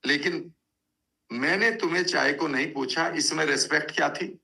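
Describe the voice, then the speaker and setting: A man's voice: on the high side, normal speed, vocal fry, pushed and bright. A man giving a conversational motivational talk, telling stories and repeating points for emphasis. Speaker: motivational speaker. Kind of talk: motivational talk, Hindi mixed with English.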